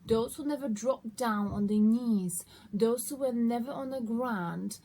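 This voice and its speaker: A woman's voice: on the high side, unhurried, dark tone. A woman giving a casual, conversational tarot reading, often checking in with her listeners. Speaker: tarot card reader hosting an online reading. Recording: noticeable background noise.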